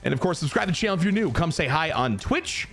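Excitable high-voiced young gamer man. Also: fast talker, gravelly, faint music behind. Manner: excitable, swings from muttering to shouting. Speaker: gaming YouTuber. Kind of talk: live gameplay commentary.

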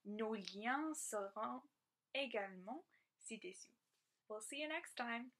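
A woman hosting a library storytime, signing off to viewers in a friendly, unhurried way. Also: a little high, animated, a bit bright. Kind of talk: sign-off to viewers.

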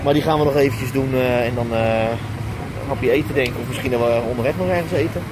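This casual travel vlog features a thirtysomething Dutch-accented man strolling a busy open-air theme park, speaking to an action camera at arm's length with lots of fillers. His voice sits mid-range and moves fairly quickly. Behind him there's background noise, with music coming through clearly.

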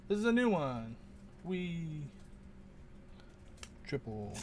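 A man with a fairly high voice gives casual unboxing commentary at an unhurried pace. He rambles, mutters to himself and trails off when unsure of a name. A faint background hum runs underneath. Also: sing-song. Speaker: channel host opening card packs.

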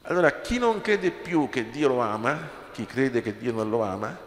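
A man's voice: medium pitch, lively intonation, normal speed. A man, a priest, preaching an impassioned sermon in a church, firing rhetorical questions at the congregation. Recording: echoey church with long reverb.

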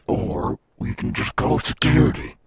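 A man playing a cool, swaggering animatronic alligator rockstar in an ASMR roleplay, gravelly and coaxing, as if talking to a child. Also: no room sound, lightly acted. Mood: resigned, menacing. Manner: slow, coaxing, addressing a child listener. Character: cool, swaggering male animatronic alligator rockstar guarding his golf course.

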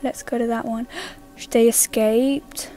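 A woman giving casual gameplay commentary, mostly hushed and nervous, bursting loud when excited. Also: a little high, slow pace, faint music behind. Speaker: gaming YouTuber.

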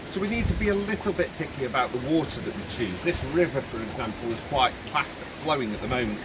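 Chatty Englishman talking over river noise. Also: medium pitch. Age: middle-aged. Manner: chatty, raised voice projected over background noise. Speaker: vlogger presenting a build project. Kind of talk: casual explanatory vlog to camera. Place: outdoors beside a fast-flowing river. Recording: outdoor recording with rushing river noise.

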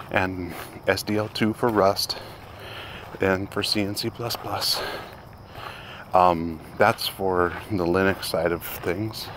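Low, slow-talking man on an outdoor walk. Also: background noise. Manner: rambling, halting with many restarts; turns into quiet prayer. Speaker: vlogger and hobby game developer. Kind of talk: casual walk-and-talk vlog. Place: outdoors at dusk, walking.

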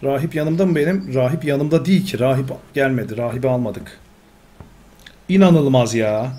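A man's voice: medium pitch, fast. A man commentating his own gameplay, talking to himself and getting exasperated. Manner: talks to himself, excitable, exasperated. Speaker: gamer. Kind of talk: Let's Play commentary.

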